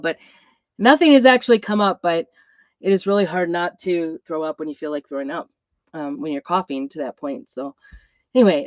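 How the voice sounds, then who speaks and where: A woman's voice: medium pitch, dry recording. Woman with a tinny, metallic tin-can sound. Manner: chatty and rambling, drifting between topics. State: sick, congested, with a lingering cough. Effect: tinny, metallic tin-can sound from the trailer. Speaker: craft livestream host. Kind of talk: casual live-stream chat. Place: inside a small metal travel trailer. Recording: dry, dull, tinny trailer recording.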